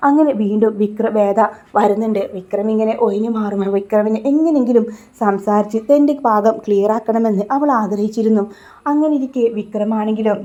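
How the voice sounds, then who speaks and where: A woman with a mellow, mid-range voice casually recaps a TV serial, reading the characters' lines in her own voice and dropping in chatty tag words. The audio is dull.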